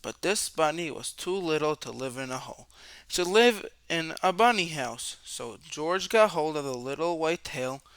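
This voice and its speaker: A man whose voice is fairly high, very bright, clear and smooth reads a picture book to small children at a moderate pace. His telling is expressive, with stretched words and dramatic questions, captured in a dry recording.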